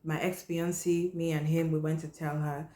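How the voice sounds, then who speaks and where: A woman hosting a podcast, telling a personal story in a blunt, candid way and often dropping her voice low. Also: little pitch movement, normal speed, dark tone. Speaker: podcast host. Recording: roomy echo.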